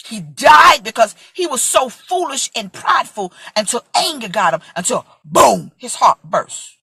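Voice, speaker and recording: Bright husky-voiced preaching woman. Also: on the high side, big pitch swings, unhurried, no room sound. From Brooklyn, USA. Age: 40s. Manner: impassioned, emphatic, acts out quoted voices. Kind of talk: vlog sermon.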